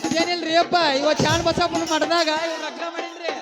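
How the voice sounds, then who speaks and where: A man with a North Karnataka accent playing a humble, deferential village man in a stage drama, speaking rapidly. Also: extremely high pitch, completely flat delivery. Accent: North Karnataka Kannada. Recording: loud stage music and tabla behind.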